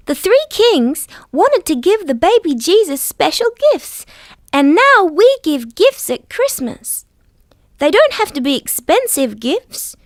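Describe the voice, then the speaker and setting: In full character voice, Dorothy the Dinosaur tells a scripted story for small children, high-pitched and singsong with an Australian accent. This gentle, friendly female dinosaur from a children's show sounds sweet and patient, enunciating every word with care. It's studio quality, with no echo.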